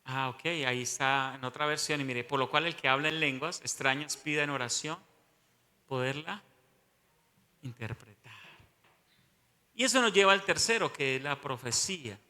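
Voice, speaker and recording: Bright-voiced preacher man in a hall. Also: medium pitch, moderate pace, long pauses. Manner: asks the congregation questions. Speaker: pastor. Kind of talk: sermon teaching.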